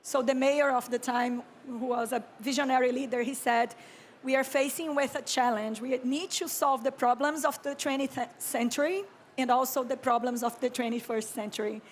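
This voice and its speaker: A Brazilian woman in her thirties talks slowly and reflectively from a conference stage, drawing on her work as an architect and urban planner. Her English has a Brazilian Portuguese accent; her voice sits high with fairly even intonation, she clears her throat often, and slight background noise is audible.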